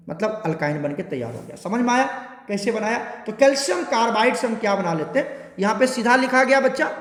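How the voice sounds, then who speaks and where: A male teacher explains chemistry in a classroom lecture, with a very high voice. He coaxes his students, asking over and over whether they have understood. The sound is roomy, with a long reverb behind him. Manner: coaxing, keeps asking students if it is clear. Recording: echoey room with long reverb.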